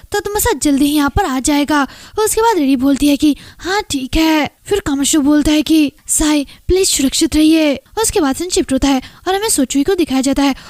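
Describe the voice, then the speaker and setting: A woman's voice: high voice, no room sound, studio quality. A woman retelling a story plot as a channel host, steadily reporting each character's lines in turn. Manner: steady recap, reporting every line of dialogue. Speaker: story explainer.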